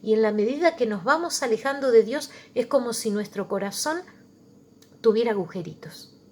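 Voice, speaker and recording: A woman's voice: a little high, animated, a little fast. A woman with an Argentine accent giving a religion lesson to children, patient and plain, checking in often with her listeners. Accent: Argentine Spanish. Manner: patient, checks in with "¿eh?" and simple examples. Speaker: religion teacher. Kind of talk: slow catechism lesson for children.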